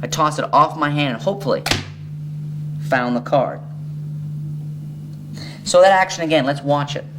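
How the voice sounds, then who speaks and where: A man's voice: a little high, normal speed, pauses often. A man talking in card magician patter, explaining a trick step by step in a conversational way as he demonstrates it. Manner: conversational, demonstrating as he talks, broken-off phrases. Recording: clearly noisy, humming background.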